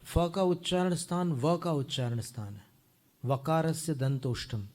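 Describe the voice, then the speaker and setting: Slow, mellow-voiced man teaching recitation. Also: a little high. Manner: slow, careful, explanatory, chants verse lines slowly. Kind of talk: pronunciation lesson on Sanskrit verse. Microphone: close microphone.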